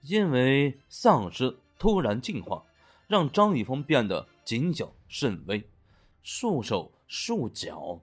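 Man, audiobook narrator, playful storytelling, lively pitch, faint background music. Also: slow. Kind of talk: storytelling narration of a web novel.

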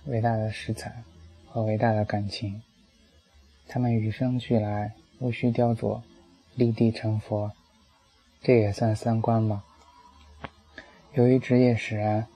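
Man, audiobook narration, very dark tone, monotone, dry wit. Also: lowish voice, rough recording. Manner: wry, dry storytelling. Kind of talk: audiobook reading of a personal essay.

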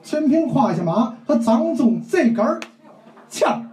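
A man putting on a brash, swaggering old-style storyteller with a Tianjin accent. He drags his words out slowly and wildly, dropping crude asides into his heroic tale. The sound is caught in a roomy live stage recording. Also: very high voice, very animated, mellow, voice pushed up, heavily acted. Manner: slow, drawling, theatrical storytelling with crude asides. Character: coarse, swaggering male street storyteller.

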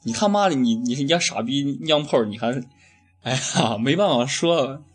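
A man's voice: mid-range voice, measured pace, husky. A young man hosting a casual comedic chat, ranting with heavy profanity and frequent laughs. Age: young adult. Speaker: host.

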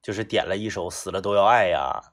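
A man co-hosting a casual radio chat, chatty and quick to agree with his partner. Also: sits low. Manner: chatty, frequent agreeing backchannels. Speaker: radio co-host.

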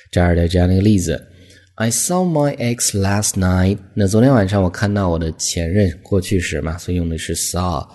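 A man teaching English vocabulary, explaining each phrase and repeating words slowly for pronunciation. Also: low-pitched, darkish tone, husky.

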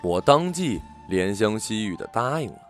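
A man narrating a ghost story in an expressive storytelling delivery. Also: fairly low pitch, normal speed, soft background music. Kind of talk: audiobook storytelling.

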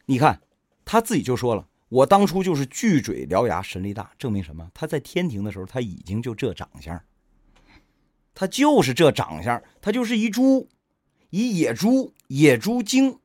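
A man hosting a casual chat, animated and joking, acting out quoted lines. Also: medium pitch, normal speed, no room sound, studio quality. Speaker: host.

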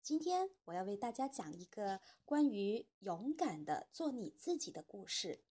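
A mother hosting a children's program, gently and expressively narrating a storybook. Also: mid-range voice, sing-song, moderate pace, breathy edge.

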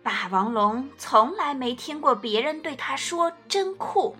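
A woman reading a picture book aloud as a storyteller, gentle and expressive. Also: high voice, measured pace, faint music behind.

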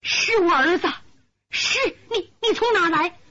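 A woman's voice: extremely high pitch, unhurried, pushed and bright, lo-fi sound, pitched above the performer's own voice, heavily acted. A woman storyteller voicing an elderly mother who is fussing and trembling with joy. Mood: tearful. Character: elderly mother, tearful and doting.

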